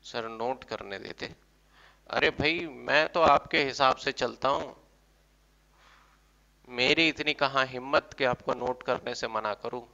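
A male commerce teacher giving a classroom lecture, coaxing and teasing his students with quick questions. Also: mid-range voice, fairly even intonation, gravelly, sharp tone. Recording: dull lo-fi recording.

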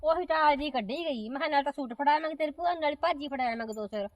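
A woman's voice: high-pitched, quick pace, no room sound, close to an everyday voice. A woman playing an elder aunt-in-law who soothes and chides a relative in an amateur comedy short film. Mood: placating. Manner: soothing, then chiding. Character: elder aunt-in-law, calming but sharp-tongued.

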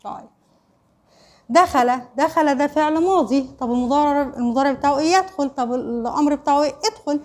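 A woman's voice: high voice, quick pace, a little mellow. A woman teacher with an Egyptian accent giving an online primary school Arabic lesson, quizzing pupils with questions she answers herself and checking in with short tags. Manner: repeats "خلاص؟" and "ماشي؟" to check understanding.

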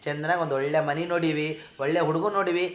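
A woman's voice: deep voice, fairly even intonation, quick pace, reverberant, close to an everyday voice. A woman playing a middle-aged village mother who is proud of the family's wealth, speaking with a North Karnataka accent in a coaxing way. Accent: North Karnataka Kannada. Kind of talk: amateur village comedy drama.

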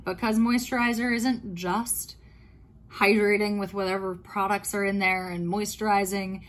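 A woman talking casually through her nighttime skincare routine in a chatty, meandering way, with fillers and small self-corrections. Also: mid-range voice. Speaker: skincare vlogger. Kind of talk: casual talk-through while doing skincare.

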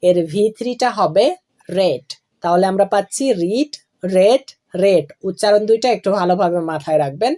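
A woman teaching English grammar, going slowly and deliberately through each verb form and letting phrases fall low at the ends. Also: lively intonation, mellow. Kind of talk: classroom explanation of verb forms.

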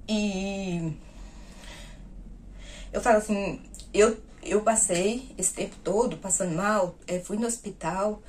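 Here a vlogger shares personal news slowly, with long pauses, in a mid-range, somewhat mellow voice over slight background noise. She tells her story casually, speaking straight to viewers as "gente" and dramatizing the conversations she relates.

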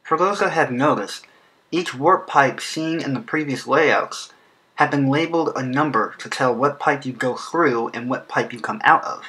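A man narrates a scripted explainer in a bright, forward voice at a medium pitch. He has a lisp that comes from an underbite, heard as he presents like an online video creator. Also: low-quality recording. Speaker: video creator presenting a fan game track design.

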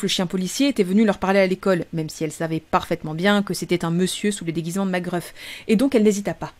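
A woman streamer reading a short story aloud in a measured, steady narration. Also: medium pitch. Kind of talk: audiobook reading.

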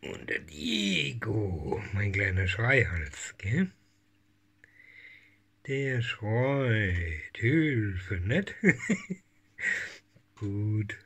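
A middle-aged man, a cat breeder talking in a casual home vlog, cooing softly in baby talk and often slipping into whispers. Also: fairly low pitch, very animated, extremely slow, creaky, long pauses, breathy edge. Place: home room with kittens.

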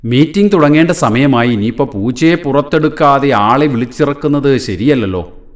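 A man's voice: a little high, lively intonation, moderate pace, voice pushed up, lightly acted. A man voicing a curious village man who is eager to offer fixes.

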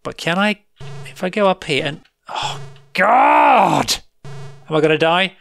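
A man's voice: on the high side, moderate pace, gravelly, a bit bright, clean tone, faint music behind. A man giving live commentary while playing a retro game, grumbling sarcastically and laughing at his own frustration. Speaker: retro gaming video host.

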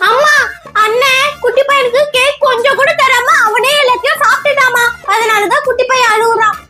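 A woman's voice: very high-pitched, steady tone, moderate pace, pushed and bright, soft background music. A woman playing a bratty daughter in a family comedy skit.

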